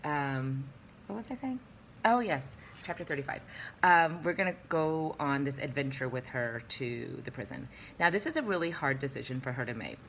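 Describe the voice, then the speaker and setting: A woman's voice: extremely low pitch, fairly bright tone, a little hiss or hum. A young woman teacher reading a novel aloud and chatting about it in a playful, easily distracted way, recorded at home on a webcam.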